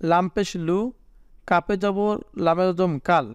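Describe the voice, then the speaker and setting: A man teaching a prayer to viewers, spelling out the Arabic letters slowly and patiently with a Bangladeshi Bengali accent. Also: high voice, steady tone, clear, resonant tone, no room sound, muffled recording. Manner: slow, patient spelling of Arabic letters, drawn-out chanted recitation. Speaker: religious teacher.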